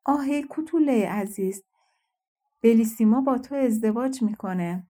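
A woman voicing a frightened, desperate queen in a fairy-tale audiobook, raising her voice high. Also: mellow, lightly acted. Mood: pleading. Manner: pleading, anxious.

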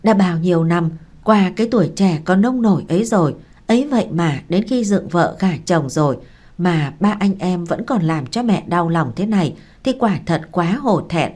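A woman narrates an audiobook in a steady, even storytelling manner. Her voice sits on the low side. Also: normal speed.

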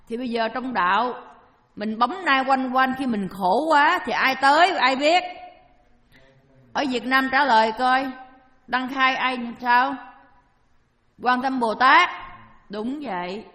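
A woman's voice: high-pitched, animated, slow pace, pauses often, bright, forceful tone. A woman giving a Buddhist dharma talk, asking her listeners questions and answering them herself with homely everyday examples. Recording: long hall reverb.

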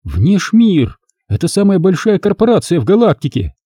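A determined, wary young woman as a male narrator puts her on, earnest and pressing, in a raised voice with a dark, husky grain. The storybook reading is dry and close. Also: high voice, big pitch swings, normal speed, no room sound, pitched above the performer's own voice, exaggerated voice.

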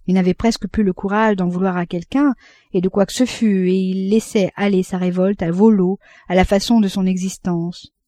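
A woman reading a classic novel aloud as audiobook narration, in a measured, unhurried manner. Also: mid-range voice, steady tone, warm tone, dry recording. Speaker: audiobook reader.

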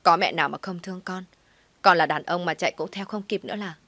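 A woman's voice: lowish voice, fast talker, bright, forceful tone, no room sound. Young husband, firm and consoling, woman doing him, dry close audio.

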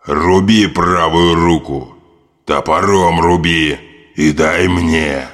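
A man voicing a sinister evil swamp spirit speaking from a mirror, with a slow, commanding, urging manner and a long echo. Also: low-pitched, fairly even intonation, fairly bright tone, voice pushed down. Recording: long hall reverb, distant.

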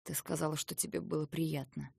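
A stern, menacing young man, read by a woman, interrogates in a low, quiet voice. His questions stay hushed and insistent, and the sound is dry and close. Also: steady tone, normal speed, creaky, no room sound. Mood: quiet menace. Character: stern, menacing young male otherworldly captor.

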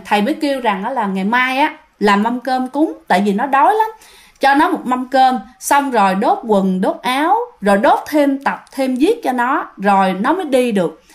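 A high-pitched woman's voice, Southern Vietnamese accent, recounting a ghost story. The telling is chatty and drawn out, with frequent asides to the people listening.

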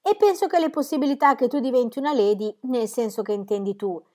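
A woman reading the part of a kindly, teasing middle-aged male country doctor, dry and gently mocking. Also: a little high, fast, voice pushed up, close to an everyday voice. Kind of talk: audiobook character reading.

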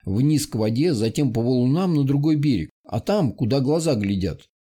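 A man narrating an adventure audiobook in a steady storytelling manner. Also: medium pitch, moderate pace, slightly rough. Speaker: audiobook reader. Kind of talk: scripted narration.

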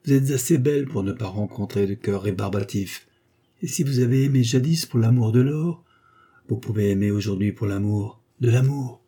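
A man's voice: mid-range voice, moderate pace, warm tone, breathy edge. A man reading an audiobook, voicing a young officer who speaks with cutting irony. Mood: scornful. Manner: ironic, cutting. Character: young male officer, scornful and angry.

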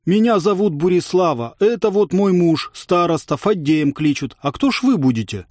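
A booming, folksy peasant village woman, put on by a male narrator, with a high, pushed voice and a loud bustling manner. The recording is close and dry. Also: animated, normal speed, no echo. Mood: welcoming.

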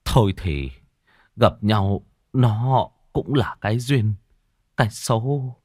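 A man's voice: on the low side, slow pace, a little mellow, no echo, clean studio sound. A man voicing a weary old villager who pleads earnestly with his neighbors. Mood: solemn. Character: aging gravedigger, weary and pleading.

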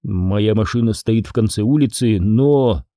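A man reading an audiobook, voicing a calm, evasive young man who speaks slowly and hesitantly. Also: lowish voice, dry recording, studio quality, close to an everyday voice. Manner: slow, hesitant.

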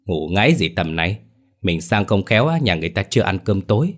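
A man voicing a brisk, practical grown daughter who scolds and brushes things off, in a spoken ghost story. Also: deep voice, big pitch swings. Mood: teasing. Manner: scolding, dismissive.

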